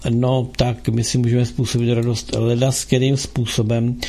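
Gravelly husky male radio host. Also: medium pitch, little pitch movement, warm tone. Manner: rambling, halting, with frequent filler sounds. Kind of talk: casual call-in radio talk.

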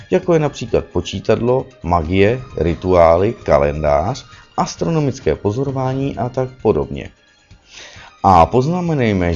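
A man with a low, dark-toned voice gives a spoken lecture, frequently correcting himself and tacking on "že ano" tags as he goes. The recording is dull and lo-fi, with faint music in the background.

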